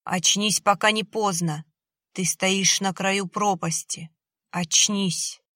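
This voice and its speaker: A woman's voice: medium pitch, steady tone, takes it slowly, bright, forceful tone, no room sound, clean studio sound. A woman voicing an inner guardian spirit that urgently commands the hero to wake up. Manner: urgent, insistent.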